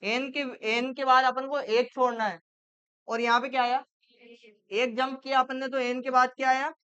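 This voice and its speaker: A woman's voice: high voice, flat delivery, normal speed, fairly bright tone, clear, resonant tone. A woman teacher, running a classroom reasoning lesson and quizzing her students with repeated questions. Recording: muffled lo-fi classroom recording.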